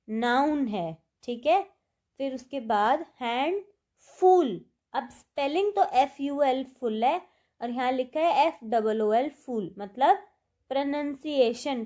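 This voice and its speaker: A woman's voice: high-pitched, mellow. A woman teacher patiently explaining a dictionary page step by step to children, often checking in with the class.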